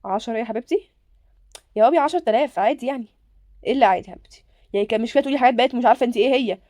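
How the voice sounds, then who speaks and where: A woman voicing a stern, tired middle-aged father in a game role-play, speaking with an Egyptian Arabic accent in a gruff, dismissive way. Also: on the high side, very fast, warm tone, dry recording, lightly acted. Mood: annoyed.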